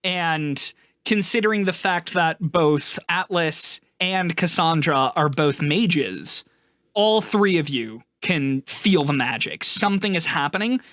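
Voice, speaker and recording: A man's voice: on the high side, animated, slow, fairly bright tone, no room sound, studio quality. A man narrating a tabletop game as game master, casual and laughing often.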